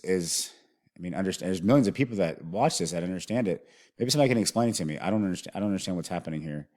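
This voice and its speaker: Deep-voiced man musing through a reaction. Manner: rambling, musing aloud with many restarts. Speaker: reaction video host. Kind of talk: music video reaction commentary.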